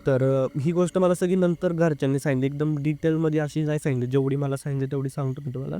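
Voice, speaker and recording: A young man telling a personal story as an interview guest, speaking earnestly and haltingly, with filler sounds. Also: on the high side, fairly even intonation, warm tone, no room sound. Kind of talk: casual first-person storytelling.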